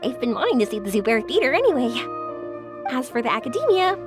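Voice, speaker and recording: A woman's voice: high voice, very animated, quick pace, over music. A woman voicing a bubbly, friendly young woman in an anime game, breezy and enthusiastic. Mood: curious, thoughtful. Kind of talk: English anime game voice acting.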